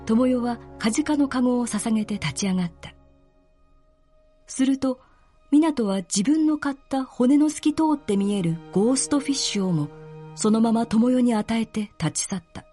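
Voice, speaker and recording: A woman narrating a literary story in a calm, measured reading. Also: fairly high pitch, faint music behind.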